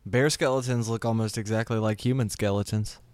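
Dry-witted man, smooth voice. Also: lowish voice, steady tone, fairly quick, a little mellow, dry recording. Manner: dry, wry humor. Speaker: podcast co-host. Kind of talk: casual chat.

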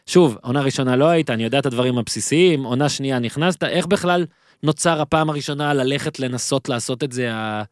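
A young man hosting a podcast, playful and jokey, tossing quick asides to his listeners. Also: mid-range voice, no echo, clean studio sound. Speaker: podcast host. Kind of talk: casual podcast conversation.

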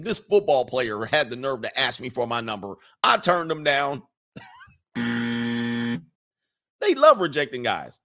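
A man with a medium-pitched, slightly bright voice hosts a livestream, rambling casually, reading chat comments aloud and laughing often.

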